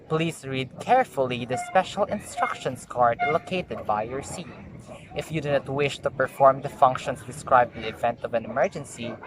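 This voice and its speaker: A young adult tourism student, Filipino-accented and vlogging as an amateur, carefully reads practice flight attendant announcements and chats, stumbling and retaking. The medium-pitched voice comes with background noise, including music and a dog that barks at times.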